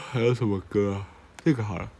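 A young man with a Taiwanese Mandarin accent hosts a relaxed livestream. He reads viewer questions aloud and answers them in a joking, offhand way. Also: fairly low pitch, moderate pace, creaky, breathy edge. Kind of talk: casual livestream chat.

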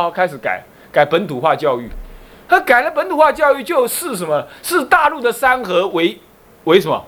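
A man with a Taiwanese Mandarin accent leads a Buddhist lesson in a high, bouncing voice that rises and falls widely. He keeps quizzing his listeners and slips in teasing asides. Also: a bit bright. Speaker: Buddhist abbot teaching a class. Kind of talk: lively Buddhist lecture.

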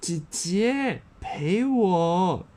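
A man voicing a small boy who refuses to sleep and sings in a high, drawn-out voice. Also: lively intonation, darkish tone, heavily acted. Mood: pleading. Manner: high, drawn-out sing-song.

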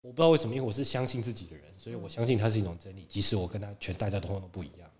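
A man's voice: lowish voice, racing. A man with a Taiwanese Mandarin accent, speaking frankly as a podcast guest, laughing often. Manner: animated, frank, laughs often, mimics critics. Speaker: podcast guest, fitness competitor. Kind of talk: casual podcast chat.

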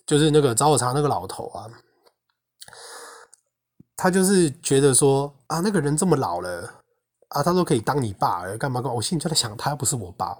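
A young man with a Taiwanese Mandarin accent, hosting a podcast and telling a personal faith story in an indignant, animated way. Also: medium pitch. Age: young adult. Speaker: podcast host. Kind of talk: casual personal testimony monologue.

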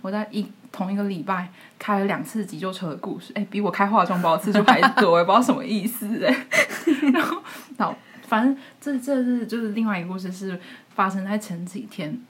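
A woman, co-hosting a podcast and telling work stories in a lively way, acting out the quoted dialogue. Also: medium pitch, brisk, few pauses. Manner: lively, acts out quoted dialogue, laughs often. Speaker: podcast co-host, nurse. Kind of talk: casual storytelling chat.

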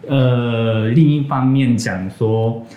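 A young Japanese man, a graduate student guesting on a casual podcast interview, speaks Mandarin as a second language with a Japanese accent and some Taiwanese influence, hesitantly searching for words. His medium-pitched voice is fairly even and slow. The recording sounds muffled, roomy and echoey.

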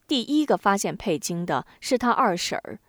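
A woman narrating a novel aloud, expressive and acting out the dialogue, close to the mic. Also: medium pitch, moderate pace, no room sound. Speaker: audiobook narrator. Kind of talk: novel reading.

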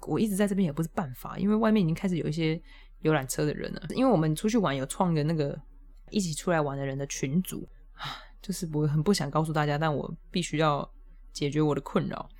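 A woman hosts a podcast and tells a story in a casual, chatty way. Her voice sits fairly low, then jumps high in exasperated bursts. She laughs often as she talks. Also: a little mellow. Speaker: podcast host.

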